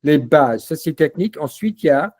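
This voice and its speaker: A man demoing a language-learning platform in a casual walkthrough, relaxed and full of fillers. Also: a little high, normal speed. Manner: relaxed, repeats words, many fillers.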